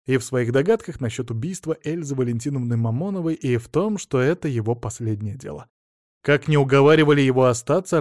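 A man narrating an audiobook in an even, measured storytelling voice. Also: mid-range voice, no echo, studio quality. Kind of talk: scripted narration.

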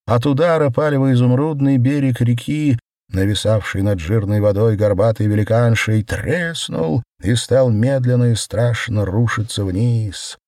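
A man narrating surreal prose in a measured, theatrical audiobook reading. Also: mid-range voice, darkish tone, no room sound, clean studio sound.

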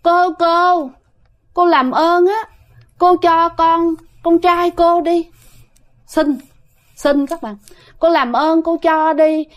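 A woman voicing a lovesick young female ghost who speaks through a possessed woman, soft and pleading, with a Southern Vietnamese accent. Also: extremely high pitch, fairly even intonation, slow pace, long pauses, voice pushed up.

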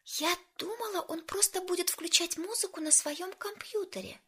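A woman's voice: very high voice, big pitch swings, slow pace, pushed and bright, voice pushed up, heavily acted. A woman voicing a touchy young woman friend who speaks sharply and reproachfully in a storybook reading. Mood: whispering.

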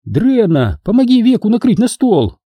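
Guy doing a bossy busy woman in a book, higher voice, lively. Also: moderate pace, no echo. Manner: scolding, commanding. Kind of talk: audiobook reading.

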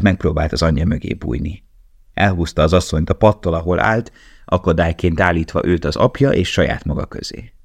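A man reading an audiobook in a measured, grave, steady voice. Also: low voice, dry recording. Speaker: audiobook narrator. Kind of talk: scripted narration.

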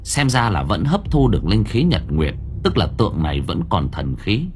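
A man narrating an audiobook story, with lively storytelling rises and falls. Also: low-pitched, normal speed, a little hiss or hum. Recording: narration over faint background music.

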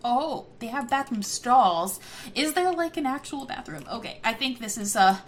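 Young woman, casual gameplay commentator, chatty and giggly, slightly high pitch, light background hiss. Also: moderate pace. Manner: chatty, giggly, easily excited.

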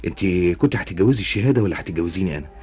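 An actor with an Egyptian accent playing a stubborn, passionate young student in love in a radio melodrama. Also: male voice, sits low, animated, rapid-fire, a little mellow, breathy edge, exaggerated voice. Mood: insistent, ardent.

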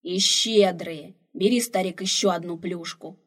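A woman's voice: lowish voice, fairly even intonation, unhurried. A woman reading the part of a huge, kindly old female slave cook who fusses and sighs over a runaway girl. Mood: warm bossy. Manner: fussing, motherly, sighing.

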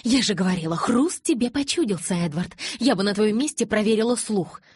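A woman reading an audiobook, voicing a lively young female vampire in a breathy, sing-song voice. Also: mid-range voice, brisk, no echo, clean studio sound, pitched above the performer's own voice. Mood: teasing. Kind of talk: audiobook character voice.

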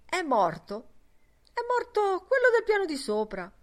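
Loud, mocking Irish dad, read by a woman, big swings in pitch, audiobook. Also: wildly swooping pitch, measured pace, heavily acted. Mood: angry outburst. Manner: loud theatrical outbursts, mocking. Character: middle-aged Irish father, sarcastic, quick-tempered, broke.

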